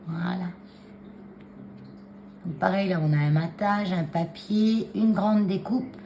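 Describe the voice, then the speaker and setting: Chatty woman with lower voice, faint noise. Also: slow pace, creaky, warm tone. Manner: chatty, hesitant, many fillers and restarts. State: clearing a frog in her throat. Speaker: craft vlogger showing cards. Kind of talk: casual chat to camera. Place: at her desk indoors. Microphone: phone camera on a taped stand.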